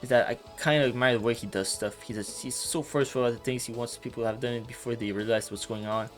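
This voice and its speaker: A man's voice: medium pitch, fairly even intonation, fast talker, faint music behind, natural voice. A man reading the lines of a chatty young woman intern who rambles bluntly and swears. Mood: ranting.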